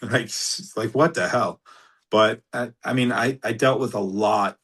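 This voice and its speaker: A former police officer recounting courtroom stories in a casual interview, acting out the quoted dialogue. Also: male voice, lowish voice, measured pace, fairly bright tone, husky.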